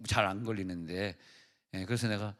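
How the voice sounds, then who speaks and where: A man's voice: on the low side, steady tone, normal speed, fairly bright tone. A man preaching a sermon as pastor at a church revival service, speaking in a conversational way with stories and acted-out quotes.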